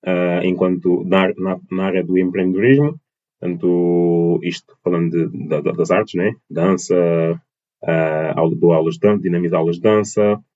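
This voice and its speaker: Heard through narrow, tinny audio, a low-voiced dance teacher from Portugal in his twenties talks as a guest on a podcast. He keeps a fairly even intonation and moderate pace, giving casual answers laden with fillers and false starts.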